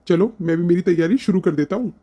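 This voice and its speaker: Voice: mid-range voice, fast talker, mellow, lightly acted. An actor voicing a kind, idle young husband in a cartoon who talks in an eager, reassuring way. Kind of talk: cartoon voice acting.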